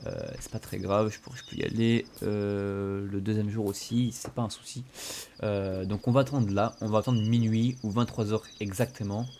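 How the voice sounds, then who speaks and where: A man's voice: on the low side, steady tone, normal speed, dark tone, slight background noise. A man casually commentating a video game for his viewers, hesitant and full of fillers. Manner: hesitant, many fillers, addresses viewers as "les gars". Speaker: gaming YouTuber. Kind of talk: casual let's play commentary.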